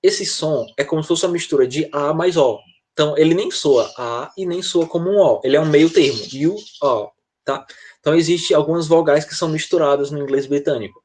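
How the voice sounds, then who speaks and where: Patient Brazilian male teacher, slightly high. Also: a little mellow. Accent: Brazilian Portuguese. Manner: patient, explains slowly, checks in often. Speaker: English teacher. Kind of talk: online class for children. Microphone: video call.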